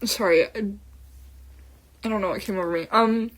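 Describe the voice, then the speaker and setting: A woman's voice: medium pitch, normal speed. A young woman hosting a casual solo podcast, chatting in a bubbly, rambling way, full of "like" and "um", drifting off on tangents and giggling. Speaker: podcast host. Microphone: own camera.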